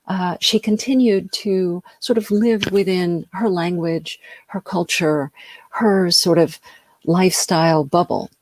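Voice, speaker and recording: A middle-aged woman from the United States, an invited speaker, gives a casual lecture over video call, stumbling through many ums and uhs. Her lowish voice has a darkish tone, in studio-quality audio with no echo.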